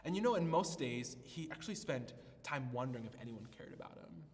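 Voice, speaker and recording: A man's voice: medium pitch, lively intonation, brisk, a little mellow, long reverb tail. A man preaching a sermon as pastor, telling a personal story with many restarts and fillers. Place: church hall.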